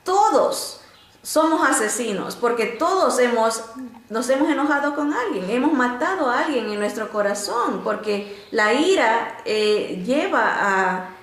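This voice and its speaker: A woman teaching a Bible lesson through stories, animated and often pausing on "este" and restarts. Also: echoey room. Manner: animated storytelling, often rising in pitch to act out quotes; frequent filler "este" and restarts.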